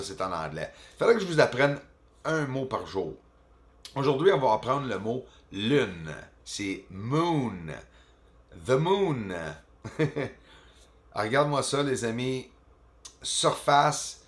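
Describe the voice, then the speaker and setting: A man whose native language is English, speaking French with a Quebec accent as a channel host, giving casual, animated commentary over video footage. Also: medium pitch. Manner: animated, exclaiming, chatty, peppered with filler words.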